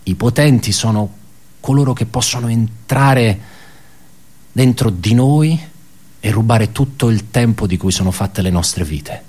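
In a radio theatre monologue, an actor plays an embittered, pedantic male office worker who halts and repeats himself while posing rhetorical questions. His voice is lowish, a little mellow and slightly rough, and the mood is pleading and agitated.

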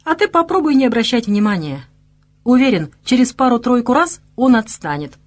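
A woman's voice: fairly high pitch, very animated, moderate pace, pitched above the performer's own voice. A woman voicing a wry, easygoing young former officer in an audiobook. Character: wry young ex-officer groom, calm and joking.

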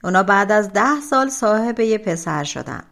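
A woman narrating a folk tale audiobook in an expressive, colloquial storytelling manner. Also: medium pitch. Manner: expressive, colloquial, drawn-out phrase ends.

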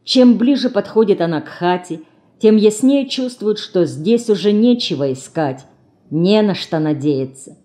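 Woman reading an audiobook, expressive and emotional, warm mellow tone. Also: mid-range voice, a little slow. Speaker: audiobook reader. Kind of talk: scripted narration.

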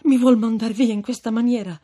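A man's voice: very high voice, steady tone, drawn-out words, pitched above the performer's own voice, heavily acted. A man voicing a desperate, fervent young man who pleads in a raised, imploring voice, in an audiobook reading of a classic novel. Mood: pleading.

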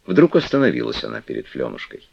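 A man narrating a literary novel in a calm, even storytelling voice. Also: rumbling low, quick pace, creaky, breathy edge, no echo. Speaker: audiobook narrator. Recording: dull, dry lo-fi recording.

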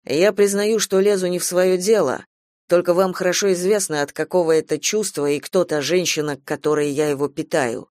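A man's voice: high voice, steady tone, brisk, darkish tone, no echo, clean studio sound, lightly acted. A man playing a steadfast, devoted farm manager who speaks earnestly and bluntly in a radio play. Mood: blunt reproachful.

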